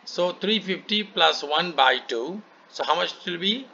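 A man with an Indian accent, whose first language is Hindi, tutors maths one-to-one, explaining step by step, repeating himself and often checking understanding. His high voice is expressive, gravelly, sharp-toned and breathy-edged, a little slow. It comes through an online call microphone in a muffled, noisy recording.

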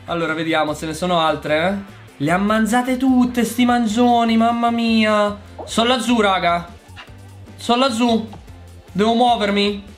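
A man's voice: high voice, steady tone, a little slow, faint music behind. A man with an Italian accent giving casual gameplay commentary, chatty and exasperated, talking straight to his viewers. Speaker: gaming YouTuber.

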